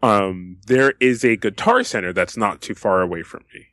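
A young man co-hosting a casual podcast, who tells an animated story full of restarts and laughter. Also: on the low side, normal speed, no room sound, clean studio sound. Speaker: podcast co-host. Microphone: podcast microphone.

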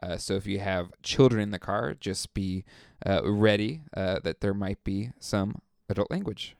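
A man's voice: fairly low pitch, moderate pace, vocal fry, darkish tone. A man in his thirties co-hosting a casual podcast chat, rambling with lots of fillers. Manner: rambling, filler-heavy, laughs often. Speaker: podcast co-host.

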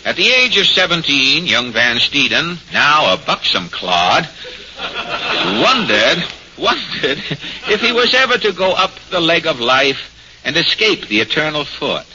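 A man's voice: on the high side, sing-song, unhurried. A man giving scripted, mock-solemn narration in a 1940s radio comedy. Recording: muffled, hissy 1940s radio recording.

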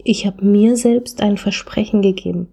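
A woman voicing an earnest husband who asks his wife again and again, in a gentle, steady way. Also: medium pitch, moderate pace, gravelly, husky. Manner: gentle, steady, repetitive asking. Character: earnest middle-aged husband patiently asking his wife.

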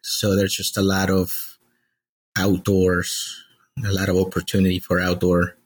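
A man in his forties from El Salvador, a podcast guest telling his story in a relaxed, friendly way. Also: low-pitched, unhurried, husky. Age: 40s. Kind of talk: casual interview.

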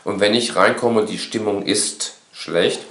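A man in casual conversation, talking in an animated, rambling way and often tagging his sentences with a questioning "ne". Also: on the low side, measured pace. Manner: animated, rambling, frequent tag "ne?". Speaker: course instructor. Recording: echoey room.

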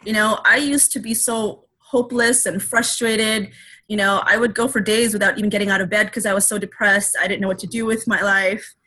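A woman's voice: medium pitch, fairly even intonation, a little fast, bright, forceful tone. A woman speaking candidly as an interview guest, reflective and open, with many fillers and restarts. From Filipino heritage.

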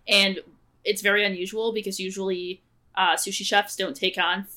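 A woman's voice: mid-range voice, little pitch movement, moderate pace, bright, forceful tone. A young woman co-hosting a casual podcast chat, chatty and loose with light swearing. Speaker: podcast co-host.

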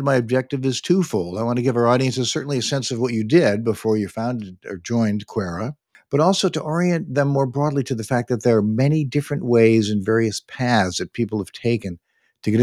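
A man hosting a podcast, introducing his guest and asking questions in a polite, formal, measured way. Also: mid-range voice, a little mellow, dry recording, studio quality. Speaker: podcast host. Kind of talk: scripted interview introduction.

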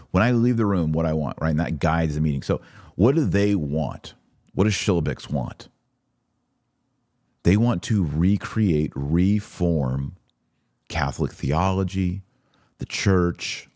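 This deep, darkish-toned man hosts a podcast, delivering religious commentary to listeners watching live online. His emphatic style leans on rhetorical questions and acted-out objections, captured in a clean, dry studio recording.

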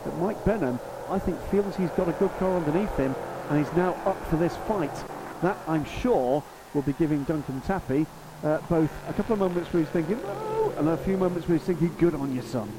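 A man's voice: a little high, fairly quick. A man giving live motorsport commentary on a race. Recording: clear engine noise behind.

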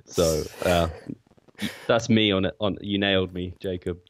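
Deep-voiced, self-deprecating male guest. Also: steady tone, a little slow, no room sound. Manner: self-deprecating, laughs easily, swears casually. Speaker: guest coach. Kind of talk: casual podcast interview.

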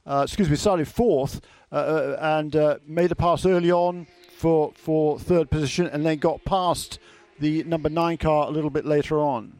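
A man co-commentating on motor racing, analysing it in a halting, often self-correcting way. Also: a little high, steady tone, darkish tone, no echo. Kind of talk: live race analysis.

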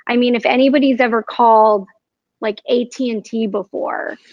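A woman co-hosting a casual talk show, explaining her view in a measured, thoughtful way. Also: fairly high pitch, fairly even intonation, dry recording. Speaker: podcast co-host. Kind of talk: casual conversation. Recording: dull, dry sound.

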